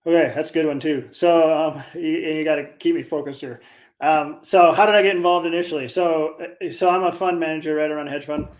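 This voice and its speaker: A man's voice: a little high, fairly even intonation, brisk. A man on a podcast, a fund manager talking with emphatic passion and frequent restarts. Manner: impassioned, emphatic, with stumbles and restarts. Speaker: guest, hedge fund manager. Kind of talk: podcast conversation.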